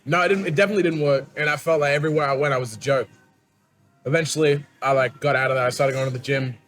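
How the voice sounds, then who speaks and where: A man's voice: fairly high pitch, steady tone, rapid-fire, a bit bright. A young man hosting a food challenge with casual, blunt, chatty banter. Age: young adult. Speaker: host asking questions in a food challenge.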